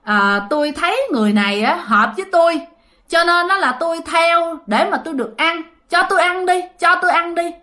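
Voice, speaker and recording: Sobbing greedy girl spirit, very high pitch, a woman doing the voice. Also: lively intonation, a little fast, bright, forceful tone, full character voice. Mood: whiny pleading. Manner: wailing, pleading, childish. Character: whiny hungry female ghost possessing a young girl.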